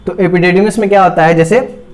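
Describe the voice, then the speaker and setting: His voice sits high, with a steady tone and a normal pace, as he explains biology over a diagram he's drawing. He says each term more than once and constantly checks in with the class using "theek hai."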